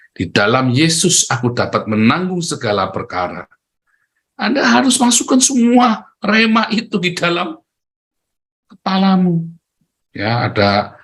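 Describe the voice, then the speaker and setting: A middle-aged man preaching a sermon in a lively way, often laughing and calling out to his listeners. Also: on the low side.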